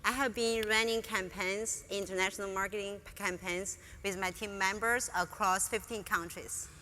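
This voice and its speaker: A student guest from northern China, a woman with a Chinese accent, eagerly answers interview questions on stage in a large conference hall. Her medium-pitched voice is pushed and bright, with fairly even intonation at a moderate pace, and her phrasing is non-native. The hall is reverberant, with faint room noise.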